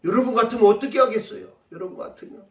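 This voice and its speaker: A man's voice: high voice, racing, gravelly. A male pastor preaching a sermon and telling stories, pressing points home with rhetorical questions to the congregation. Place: church sanctuary. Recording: echoey church from a distance.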